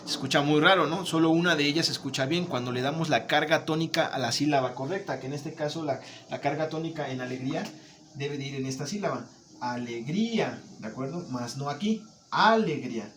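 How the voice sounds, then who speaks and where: A man's voice: fairly high pitch, a bit bright, slight background noise. A man teaching a remote lesson, patient, checking in often with his students. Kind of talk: remote Spanish grammar lesson.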